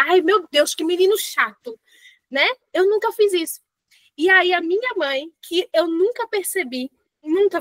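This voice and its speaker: A middle-aged woman leads a parenting book club, mixing casual reflection with passages read aloud. Her voice sits high and sounds bright. The recording is dry, with no room sound. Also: no echo. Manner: animated, uses fillers like "né" and "assim", reads quotes aloud.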